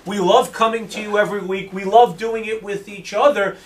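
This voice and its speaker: A man's voice: high-pitched, fairly even intonation, brisk, far from the mic. A man giving opinionated sports analysis in a casual podcast chat, talking with energy. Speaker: sports radio host and regular guest.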